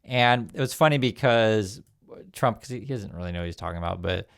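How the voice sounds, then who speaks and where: A gravelly, fairly low-pitched man in his fifties, born in Vietnam and raised in the USA. He gives a loose, chatty news commentary, reading articles aloud and breaking off to comment, with plenty of "uh"s and restarts. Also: brisk. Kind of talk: casual news commentary vlog.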